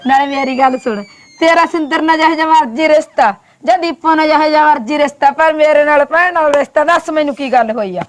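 A woman acting in a comedy short film, scolding and protesting quickly. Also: high voice.

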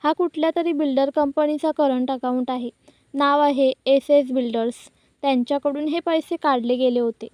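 A woman voicing a panicky male bank manager who pleads, in her own high, dry voice. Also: fairly even intonation, normal speed, a little mellow, no echo, lightly acted. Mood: explaining. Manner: retold in the narrator's own voice.

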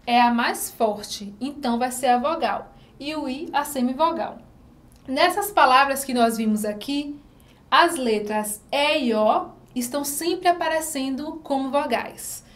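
A woman teacher with a Brazilian Portuguese accent, giving a recorded lesson to children, patiently repeating syllables and asking questions. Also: high-pitched.

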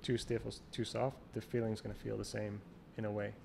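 On a remote call with faint noise, a champion water skier is interviewed casually as a guest. His voice is on the low side and darkish, with vocal fry, a flat delivery, and a fairly quick pace, and he rambles, thinking aloud and restarting often.

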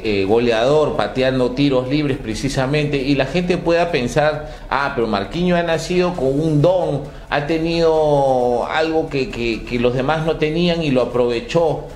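A man's voice: a little high, a little slow, few pauses, a little mellow, echoey room. A middle-aged man hosting a TV interview in a promotional way, often turning to speak directly to the viewers. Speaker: TV host. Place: television studio.

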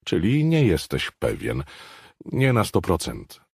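A calm, controlling boss in a thriller audiobook, as a male narrator puts him on. He speaks low and dry, gently pressing for a straight answer. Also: creaky, breathy edge, dry recording, full character voice. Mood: coaxing. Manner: measured, coaxing.

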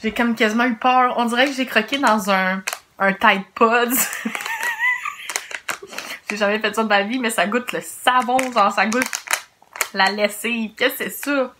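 Soft-spoken Québécois woman tasting snacks. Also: a little high, steady tone, normal speed. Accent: Québécois French. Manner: chatty, reacting aloud while tasting, talking quietly. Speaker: vlogger. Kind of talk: casual snack tasting vlog. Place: home, indoors. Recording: noisy home video with wrapper crinkling.

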